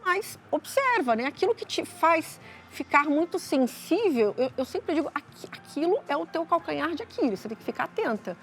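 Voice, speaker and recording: Brazilian woman guest therapist, high voice, calm explainer, faint music behind. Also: moderate pace. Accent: Brazilian Portuguese. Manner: calm, explanatory, frequent tag questions. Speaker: psychologist guest. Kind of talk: TV talk show advice.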